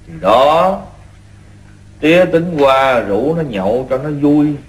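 A man's voice: on the high side, lively intonation, slow, echoey room, low-quality recording. An actor playing a fretful, doting rural father with a Southern Vietnamese accent in an old radio play, scolding and repeating himself.

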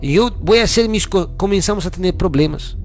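A man's voice: high voice, fairly quick, faint music behind. A young man telling his own story casually, repeating himself and often asking the listener "you know?". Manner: repetitive, restarts, keeps asking "you know?". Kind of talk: casual first-person storytelling.

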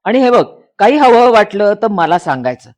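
A woman voicing a short-tempered young husband who turns gentle and coaxing, in a dramatized story reading. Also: mid-range voice, sing-song, moderate pace, natural voice. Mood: tender. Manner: sulky and curt, later gentle and coaxing.

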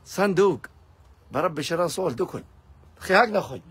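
Husky fast-talking Algerian salesman. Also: a little high, animated, fairly bright tone. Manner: rapid, pushy hawking to viewers. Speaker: fabric shop seller. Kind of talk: live sales pitch video.

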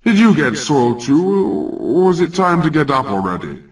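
A man's voice: a little high, sing-song, normal speed, far from the mic, pitched above the performer's own voice. A man voicing a huge, sleepy male giant who talks in a lazy, offhand, condescending way. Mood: grumbling. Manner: lazy, mumbling, patronizing. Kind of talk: storytelling character voice.

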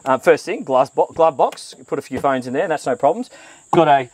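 A man's voice: a little high, lively intonation, brisk. A man in his thirties with an Australian accent, giving a chatty, enthusiastic walkthrough of a boat outdoors on a lapel mic, with fillers and restarts. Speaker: boat reviewer. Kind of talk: walkthrough presentation. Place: outdoors on a boat on a calm waterway.

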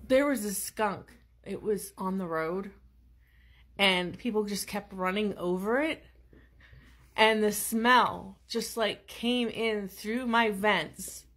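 Slow-paced woman telling a teasing story. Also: mid-range voice. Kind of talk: casual anecdote, teasing storytelling.

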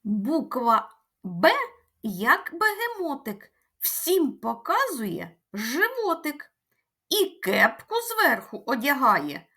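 Woman preschool teacher from Ukraine for a kids' speech lesson: high, lively, sing-song and unhurried. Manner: slow, sing-song teacherly delivery, stretching words.

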